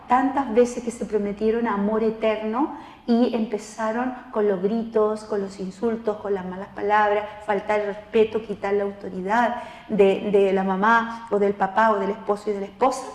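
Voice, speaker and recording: A woman preaching at a spiritual seminar. She talks straight to the listener and acts out the people she quotes. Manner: expressive, acts out quoted voices with rising pitch; addresses listener directly as tú. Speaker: lay preacher teaching a seminar. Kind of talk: spoken sermon teaching. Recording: roomy hall with long reverb.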